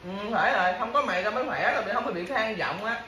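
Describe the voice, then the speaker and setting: A woman's voice: medium pitch, animated, very fast, sharp tone. A woman scolding her partner at home, repeating the same complaints and empty threats over and over. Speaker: scolding spouse. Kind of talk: casual domestic bickering. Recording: echoey room with faint background noise.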